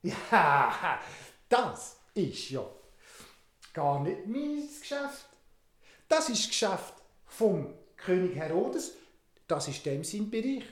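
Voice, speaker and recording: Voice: medium pitch, very animated, a little slow, pauses often, darkish tone, pitched above the performer's own voice. A storyteller voicing a cautious, placating governor who reasons aloud, in a roomy recording. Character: cautious Roman governor, a man. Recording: roomy echo.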